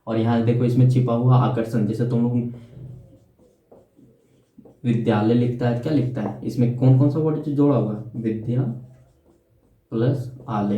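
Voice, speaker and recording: A man teaches at a board, tossing questions to the class and answering them himself. His voice sits at an ordinary middle pitch. The recording is dull and lo-fi, with a roomy echo around him. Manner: repeats key terms, adds tag questions. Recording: echoey room, dull lo-fi sound.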